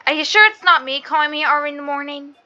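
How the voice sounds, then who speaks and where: A woman's voice: sits high, fairly even intonation, fast talker, bright, forceful tone, highs cut off. A woman chatting and giggling while playing a story game with a friend. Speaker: gaming co-host. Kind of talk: casual gameplay chat.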